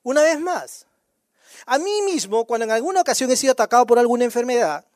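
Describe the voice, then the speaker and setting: A man's voice: extremely high pitch, big pitch swings, rapid-fire, no echo, studio quality. A male pastor preaching a sermon in a conversational way, firing rhetorical questions at the congregation.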